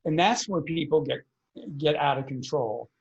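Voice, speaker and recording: A man's voice: fairly high pitch, moderate pace, gravelly, highs cut off. A man, a podcast guest, earnestly explaining energy work in a conversational interview, often repeating words as he thinks.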